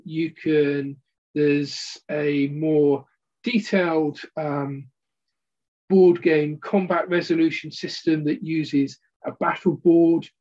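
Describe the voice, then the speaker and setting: A middle-aged man presenting an unboxing video, talking through components off the cuff in a hesitant, halting way and often rephrasing himself. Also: fairly high pitch, a little mellow, muffled recording. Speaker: presenter of a board game unboxing. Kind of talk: unboxing video commentary, unscripted walkthrough of components. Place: indoor hobby room at a table.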